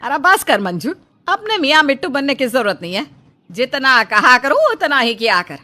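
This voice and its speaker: A woman voicing a bossy, quarrelsome middle-aged mother-in-law who scolds loudly in a cartoon story. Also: high-pitched, big pitch swings, moderate pace, voice pushed up, heavily acted. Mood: scolding. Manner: scolding, loud.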